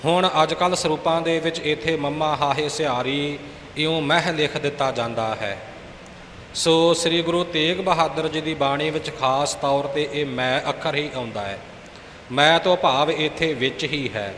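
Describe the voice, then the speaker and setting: Scripture teacher: a man with a slightly raised pitch correcting recitation point by point, in a roomy hall. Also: normal speed, fairly bright tone. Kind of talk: explaining correct pronunciation of scripture. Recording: echoey hall with faint hiss.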